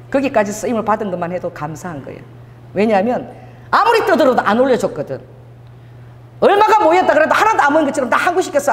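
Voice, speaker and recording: Lively woman pastor preaching in a hall. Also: a little high. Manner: animated storytelling, laughing often, acting out dialogue. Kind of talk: sermon. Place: church sanctuary. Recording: reverberant church hall.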